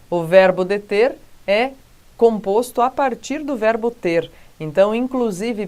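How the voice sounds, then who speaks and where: A woman's voice: fairly low pitch, darkish tone. Brazilian woman teaching a grammar lesson. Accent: Brazilian Portuguese. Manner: explains slowly with frequent "tá?" and "né, gente?" check-ins.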